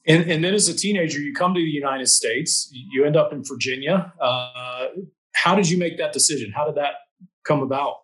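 A man hosts a podcast interview in a friendly way, pausing now and then with small fillers. His voice sits a little higher than most men's. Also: fairly bright tone, poor audio. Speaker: podcast host. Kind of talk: interview hosting.

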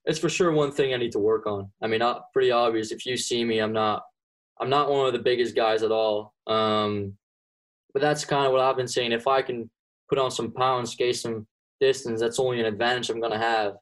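A young Belgian golfer, whose first language is Flemish Dutch, answers interview questions in a relaxed, casual way, full of ums and restarts. His voice sits in the mid-range and moves briskly, and the recording is rough.

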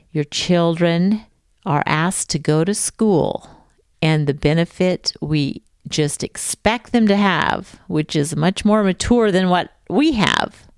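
A middle-aged woman and homeschooling teacher speaking to parents in a measured, emphatic, folksy way. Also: lowish voice, a little mellow, smooth, dry recording, studio quality. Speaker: homeschooling teacher giving a talk. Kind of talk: talk to parents.

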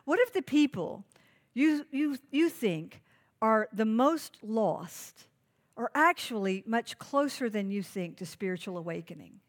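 A woman pastor delivers a sermon in a fairly high voice. She leans hard on key phrases and repeats them so listeners can write them down. She keeps putting direct questions to the congregation. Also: expressive, measured pace. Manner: emphatic, repeats key phrases for note-taking.

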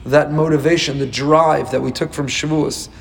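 Hoarse man teaching in an echoey hall. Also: fairly high pitch, steady tone, moderate pace. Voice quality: hoarse, raspy voice. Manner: emphatic repetition, piling up synonyms. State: hoarse, voice nearly lost. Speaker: rabbi teaching a weekly Torah portion class. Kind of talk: religious lecture.

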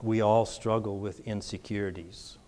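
A man preaching a sermon to a congregation in church, leading call-and-response with emphatic, drawn-out repetition. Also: fairly low pitch, fairly even intonation, mellow. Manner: call-and-response, has the congregation repeat after him. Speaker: pastor.

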